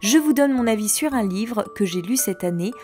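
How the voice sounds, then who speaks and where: Calm French-speaking woman reviewing a book. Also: on the high side, moderate pace, faint music behind. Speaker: podcast host reviewing books. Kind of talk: scripted podcast book review.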